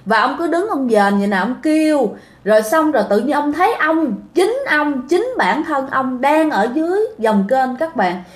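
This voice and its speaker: A woman with a Southern Vietnamese accent tells a ghost story in a loose, conversational way, filling her sentences with little fillers and turning often to her listeners. Her voice sits a bit high, and the recording carries a noticeable roomy echo. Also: big pitch swings, moderate pace. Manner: chatty, speaks directly to listeners, many fillers. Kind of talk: casual spoken storytelling.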